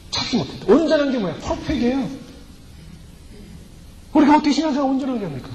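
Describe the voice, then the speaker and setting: High, lively preaching man in echoey hall. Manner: emphatic preaching, acting out prayers and quoted voices. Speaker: pastor. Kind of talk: sermon. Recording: echoey hall reverb, faint ambience.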